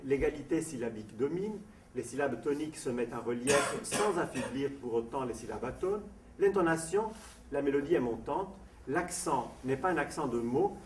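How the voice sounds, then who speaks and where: A man's voice: mid-range voice, a little mellow. A man from Sardinia giving an academic lecture on diction, explaining step by step and reading out definitions between asides. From Sardinia, Italy. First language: Sardinian and Italian. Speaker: voice and diction teacher. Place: lecture room at a summer school. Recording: echoey room from a distant mic, faint noise.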